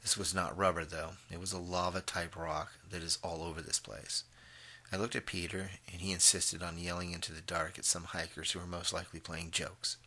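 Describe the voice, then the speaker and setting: A man narrates a first-person story in a deep, flat, steady voice. His tone has a sharp, bright edge. He hesitates with fillers and clears his throat between phrases. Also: brisk.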